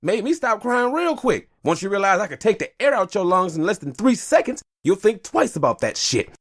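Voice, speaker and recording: A man hosting his own podcast, ranting in a profane, animated way, his pitch leaping as he gets worked up. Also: fairly quick, dry recording, clean studio sound. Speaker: podcast host. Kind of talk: solo rant podcast.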